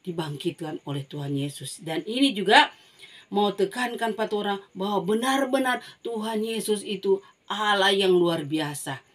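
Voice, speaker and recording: A woman leads a children's Bible lesson. She tells the story in a lively way and keeps calling out to the young listeners. Her voice sits at a middle pitch. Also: moderate pace. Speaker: Sunday school teacher.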